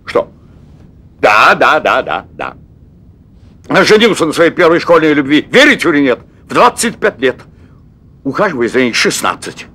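A nervous fifty-year-old husband. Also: male voice, a little high, big pitch swings, a little slow, pauses often, sharp tone, heavily acted. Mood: confessional. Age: 50s. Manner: confessional, hesitant, repeats words. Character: anxious middle-aged man, restaurant owner craving adventure. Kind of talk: stage play recorded for television. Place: theatre stage set as hotel room.

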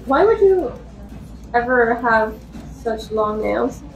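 A woman's voice: on the high side, animated, slow, vocal fry, roomy sound, over music, poor audio. A woman in her twenties reacting casually to clips, giggly and trying not to laugh. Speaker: reaction video host. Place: living room, indoors.

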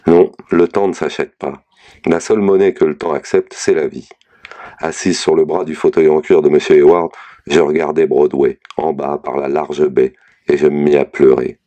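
A man reading a novel aloud with an extremely deep, dark, mellow voice. His narration is slow and measured, each sentence laid down with quiet weight. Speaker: reader of a novel. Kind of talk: literary audiobook reading.

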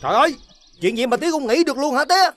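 A man's voice: very high-pitched, lively intonation, rapid-fire, a bit bright. An actor playing an exasperated young man, a future son-in-law, protesting in a TV sitcom. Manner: whiny, protesting. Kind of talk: TV sitcom acting.

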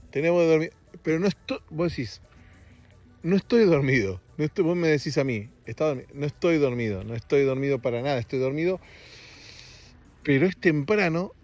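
A man with a Rioplatense Spanish accent and a sleepy-sounding voice, hosting a casual solo podcast in a rambling, jokey, self-mocking way. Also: a little high. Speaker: podcast host.

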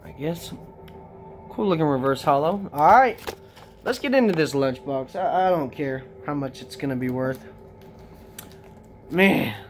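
A casual vlogger opening trading card packs, talking to viewers directly in an excitable, slangy way. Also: medium pitch, a little slow, long pauses, faint music behind. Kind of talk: casual unboxing chat.

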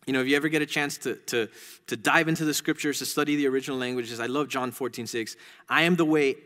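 A man's voice: medium pitch, fairly even intonation, quick pace, sharp tone. A male pastor preaching a sermon, conversational and emphatic, often restarting his phrases. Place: church sanctuary. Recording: long church reverb.

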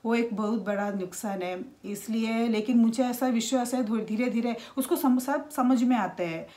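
A woman, talking casually to camera in a halting way with many restarts. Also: on the high side, warm tone. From India. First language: Malayalam. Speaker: vlogger.

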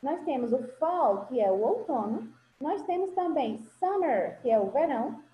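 A woman's voice: high voice, very animated, normal speed, highs cut off. A woman teaching English to young children over a video call, patient and affectionate, often calling them "my love" and checking that everyone is following. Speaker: primary school English teacher. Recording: roomy video-call audio, faint ambience.

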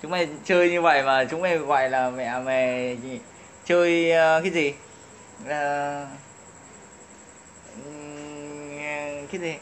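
A man's voice: on the high side, steady tone, slow pace, long pauses, a little hiss or hum. A man ranting at his critics in a taunting, profane way, laughing at them as he insults them. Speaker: online commentator. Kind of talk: taunting profane rant to camera.

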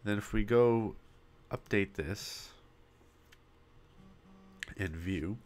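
Fairly low in pitch with a darkish tone, this man is a web design tutorial host whose voice is failing, and a little hiss or hum is audible. He narrates a casual screen-recorded walkthrough of building a website step by step, with many pauses and occasional coughs into a popping desktop mic.

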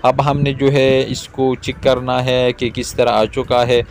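A man in his thirties from Pakistan, hosting a cooking video and calmly explaining each step to viewers outdoors. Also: mid-range voice, measured pace, a little hiss or hum. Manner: calm, repetitive explaining, addresses viewers directly. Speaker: cooking channel host. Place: outdoors in a garden yard.

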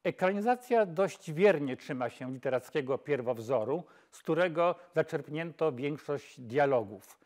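An older man talks as a film expert in a slightly raised pitch. He speaks in measured phrases, often pausing and correcting himself mid-word. It sounds like a lapel mic in a quiet studio. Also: animated. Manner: measured, with frequent hesitations and self-corrections. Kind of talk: film lecture. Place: dark studio, seated on camera.

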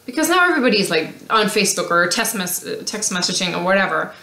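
A woman from Denmark, co-hosting a casual podcast and telling stories in a relaxed, chatty way. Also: medium pitch, quick pace. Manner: relaxed, chatty storytelling with fillers. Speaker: podcast co-host. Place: home craft room, seated with co-host. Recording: roomy echo.

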